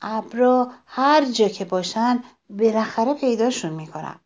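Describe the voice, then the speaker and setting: A woman voicing a soft-spoken wind. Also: on the high side, animated, dull audio. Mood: determined. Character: kind restless wind spirit.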